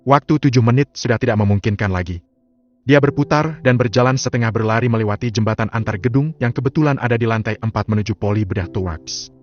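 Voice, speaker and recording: A man reading a dramatic story aloud in a steady, solemn narrating voice. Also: medium pitch, fast. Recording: slightly dull lo-fi audio. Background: faint music.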